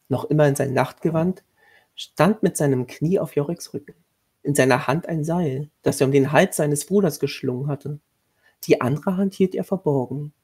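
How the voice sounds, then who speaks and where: A man reading his own horror short story aloud in a measured way, with a husky voice and occasional restarts. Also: fairly high pitch, darkish tone.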